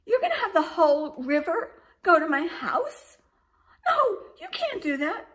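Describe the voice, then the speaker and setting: A woman voicing a pleading young male baby dragon, high, loud and whiny. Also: a little slow, lightly acted.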